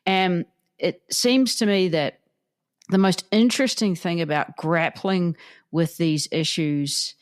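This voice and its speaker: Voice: medium pitch, slow, smooth. A podcast co-host with a New Zealand accent, asking reflective questions and musing aloud with fillers and restarts. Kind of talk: casual conversational questions.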